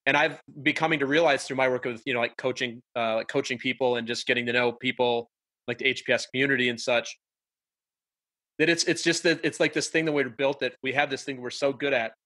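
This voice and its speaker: A man's voice: mid-range voice, fairly even intonation, fairly quick, bright, forceful tone. A man hosting a podcast, chatty and upbeat, with lots of fillers. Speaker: podcast host, coach. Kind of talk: casual conversation.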